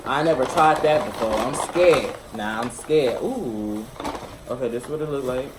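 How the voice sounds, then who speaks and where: Guy vlogging a mukbang, mid pitch, chatty and repetitive, lots of noise behind him. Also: normal speed. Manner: playful, repeats himself and trails off. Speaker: vlogger host. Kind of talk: casual mukbang chat. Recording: noisy background.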